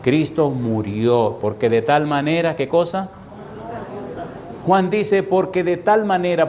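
A man's voice: fairly high pitch, a little mellow. A man preaching a sermon with dramatic swings, at times acting out the voices of people in his stories. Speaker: pastor.

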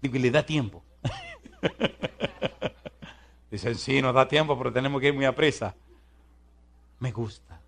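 A man preaching a sermon in an animated way, reading scripture slowly and deliberately, then swinging from loud exclamations to soft asides. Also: medium pitch, creaky.

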